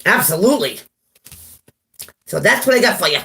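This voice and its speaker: A woman's voice: fairly low pitch, big pitch swings, moderate pace, creaky, a bit bright, a little hiss or hum. Chatty, self-amused woman reading tarot. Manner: chatty, laughs at herself often; greets viewers by name. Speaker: tarot reader. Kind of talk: casual live-stream tarot reading.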